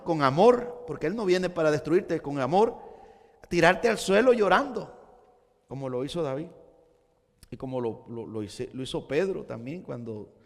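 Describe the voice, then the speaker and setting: A man with a high voice delivers a fervent sermon as a pastor, often doubling back on his words for emphasis. His voice carries a long reverb, as though filling a large church hall. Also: creaky.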